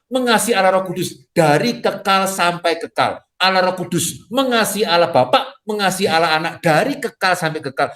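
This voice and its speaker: Man preaching in chatty, lively style. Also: sits high. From Indonesia. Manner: lively, acts out quoted dialogue with jokes; conversational preaching with frequent "ya" tags. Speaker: pastor. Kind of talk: sermon.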